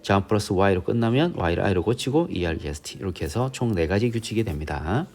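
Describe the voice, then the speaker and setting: A man's voice: lowish voice, expressive, normal speed, a little mellow. A male English teacher with a Busan accent, giving a grammar lesson step by step and often checking in with the students.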